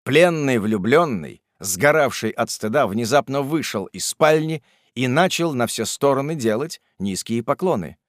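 A man narrating a classic novel as an audiobook, in an animated, theatrical storytelling manner. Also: medium pitch, a little slow, dry recording, clean studio sound.

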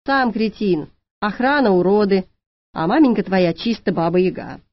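A woman's voice: mid-range voice, expressive, normal speed, no echo, natural voice. A woman voicing a rude, mocking young female thief who taunts with crude insults, in an audiobook. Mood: taunting. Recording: dry, slightly dull lo-fi audiobook.

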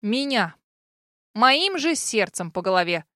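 A woman's voice: on the high side, big pitch swings, takes it slowly, fairly bright tone, no room sound, exaggerated voice. A mocking, melodramatic male dragon ghost with a dry, close sound, as a woman reading the story puts him on. He whines and jeers in theatrical bursts.

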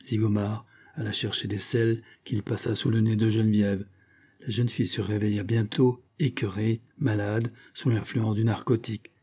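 A man's voice: on the low side, little pitch movement, normal speed, warm tone, husky. A man narrating an adventure novel as an audiobook, with dramatic storytelling. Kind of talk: scripted narration.

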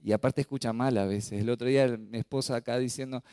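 A middle-aged Argentine man, a pastor, preaching a sermon with lively storytelling and acted-out voices. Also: mid-range voice, fast, smooth, no room sound, clean studio sound. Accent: Argentine Spanish. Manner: storytelling, animated, acts out voices.

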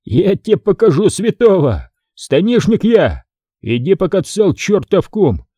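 A man doing a gruff, mocking plague-cart driver. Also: high-pitched, big pitch swings, measured pace, warm tone, no echo, pitched above the performer's own voice, full character voice. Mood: angry. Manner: rough, mocking folk speech.

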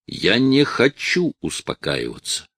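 A man voicing a desperate, tearful eighteen-year-old male addict who shouts and pleads with his father, in a dry, close recording. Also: mid-range voice, huge pitch swings, takes it slowly, no echo, exaggerated voice. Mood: agitated.

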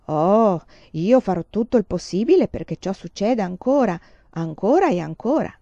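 Earnest lovestruck young guy in an audiobook, warm and soft, dull dry recording, as a woman reader puts him on. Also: medium pitch, animated, normal speed, creaky, no room sound. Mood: tender. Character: young man in love, tender and earnest.

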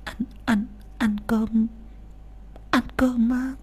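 A frail old mother who stammers and hesitates, speaking softly and higher than the narrator, as a man puts her on. Her voice is husky and unsure. She comes from a read-aloud storybook. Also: flat delivery, very slow, exaggerated voice. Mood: bewildered. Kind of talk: audiobook character voice.

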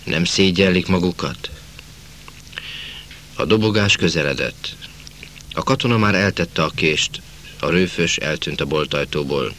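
A man narrates a novel in the first person with a measured, dramatic delivery. His voice is deep and sits low, with a forceful, slightly sharp tone. A faint hum lies under the reading. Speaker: audiobook narrator.

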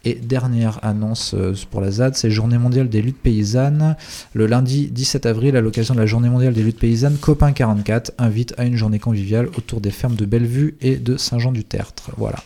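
A man's voice: mid-range voice, steady tone, brisk, vocal fry, mellow. Man reading out event announcements. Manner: reads text with some fillers. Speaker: radio show presenter reading announcements.

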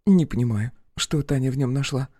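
A man's voice: mid-range voice, a little fast, warm tone, dry recording, clean studio sound, natural voice. A man voicing a gossipy, scornful young woman friend in an audiobook, talking in a catty, chatty, dramatic way.

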